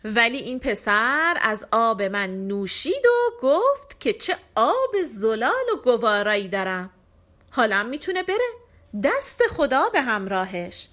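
A woman's voice: on the high side, very animated, fairly bright tone. A woman voicing a proud talking river that firmly refuses a demon in a storybook. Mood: defiant. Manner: firm, scolding.

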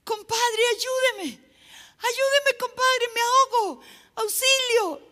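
A woman's voice: very high-pitched, slow pace, sharp tone, voice pushed up, heavily acted. A woman preacher voicing a panicked drowning man who pleads frantically for help in a told joke.

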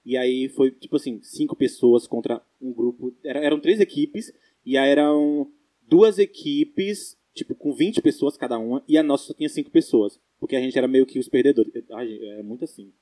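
A young man with a Brazilian Portuguese accent, telling stories as a podcast co-host in casual chat, animated and laughing. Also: medium pitch, moderate pace.

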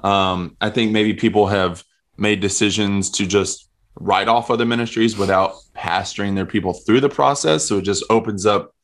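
Worship leader guy chatting on a podcast, kinda low voice, earnest, stumbles and repeats himself a lot. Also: normal speed. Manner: earnest, repeats words while thinking. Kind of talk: casual podcast conversation.

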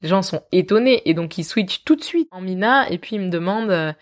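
A woman hosting a podcast, telling her story in a lively, self-mocking way and often laughing. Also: lowish voice, quick pace. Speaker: podcast host.

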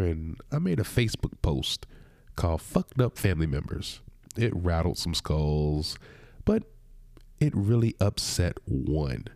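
A man hosts his own podcast, delivering a loose, personal solo monologue with asides, his voice a little nasal from a cold. He sits low with a dark tone, and the studio sound is clean with no echo. The manner is conversational and casual.

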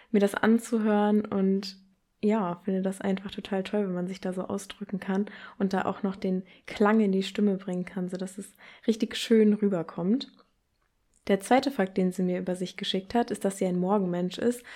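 A young woman hosting a book podcast, reading poetry excerpts and talking about books in a calm, earnest way. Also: mid-range voice, moderate pace. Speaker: podcast host presenting books.

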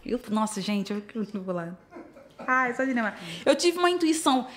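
A woman's voice: on the high side, very animated, brisk. A Brazilian woman, a podcast guest, chatting expressively and telling her own stories. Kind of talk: casual chat.

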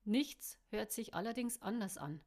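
A woman reading a storybook puts on a worried young man who speaks in a hushed, urgent tone. His words come low and pressing, close to the reader's own voice. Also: animated, unhurried.

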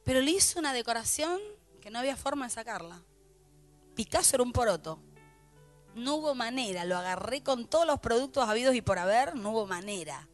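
Animated Argentine woman pastor. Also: on the high side, brisk, soft background music. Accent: Rioplatense Spanish. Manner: animated storytelling, playful asides to the congregation. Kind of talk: sermon with humorous stories. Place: church before a live congregation.

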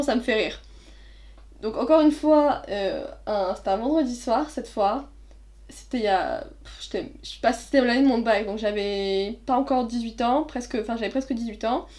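A young woman with a notably high voice recounts an anecdote in relaxed conversation. She is lively and acts out each person she quotes along the way. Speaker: storyteller. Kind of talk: casual anecdote telling.

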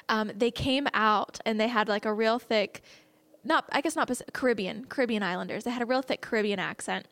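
Animated woman preaching through a story. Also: a little high. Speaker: evangelist speaker. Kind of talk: storytelling sermon.

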